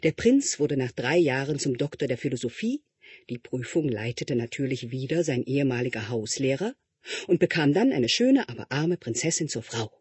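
A man reading his own story aloud as narrator, calm and ironic. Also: mid-range voice, moderate pace, husky, dry recording.

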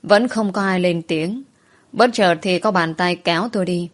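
A woman reading a first-person story aloud in a soft, emotive way. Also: lowish voice, normal speed.

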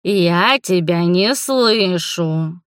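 A woman's voice: fairly low pitch, lively intonation, extremely slow, no echo. A sardonic little talking pet that teases its witch owner in a dry tone, voiced by a woman reader. The sound is close and dry. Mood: teasing.

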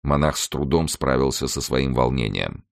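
Deep-voiced male audiobook narrator. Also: animated, moderate pace, vocal fry. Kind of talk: scripted narration.

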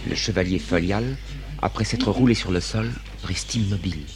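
A man's voice: sits low, moderate pace. Male 1950s radio drama narrator.

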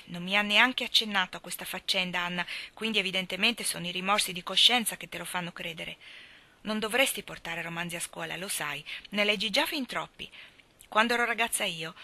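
A woman voicing a stern, practical older woman raising an orphan girl, speaking in a dry, firm and measured way, in an audiobook reading. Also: medium pitch, sharp tone.

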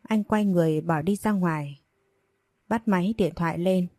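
A woman reads a romance story aloud as a steady scripted narration. Her voice sits low and mellow, in a dry, close recording. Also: normal speed, dry recording, faint music behind.

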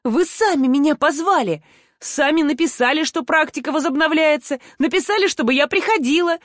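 A woman's voice: lively intonation, moderate pace, no echo, studio quality. A woman voicing a hurt, defiant young woman student who protests through tears in an audiobook reading. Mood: indignant shouting. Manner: indignant, tearful, shrill when upset.

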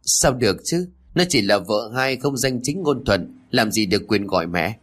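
A man's voice: on the low side, lively intonation, normal speed, fairly bright tone, breathy edge. A man voicing a jealous young wife in a spoken story, scolding and tearful. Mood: wailing. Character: jealous, shrill young wife, quick to fury.

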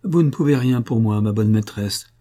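A man voicing a distraught young country servant girl whose high, strained voice breaks into wails. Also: normal speed, mellow, natural voice. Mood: weary pleading.

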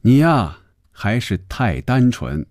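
A man's voice: mid-range voice, sing-song, slow pace, a little mellow, no echo, studio quality, pitched above the performer's own voice. A male storyteller voicing an easygoing salesman who talks in a coaxing, joking way. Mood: easy.

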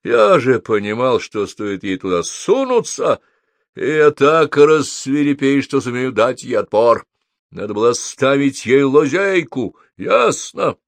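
Cowardly wizard yelling orders, animated n dry, man voicing him. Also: mid-range voice, unhurried, no echo, pitched above the performer's own voice. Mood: shouting. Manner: shouting, commanding. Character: vain, cowardly young male wizard.

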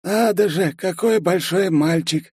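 A man voicing a bored male lizard clerk in an audiobook, speaking in a flat, emotionless manner. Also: sits high, measured pace, husky, no room sound, studio quality, pitched above the performer's own voice, heavily acted. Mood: deadpan.

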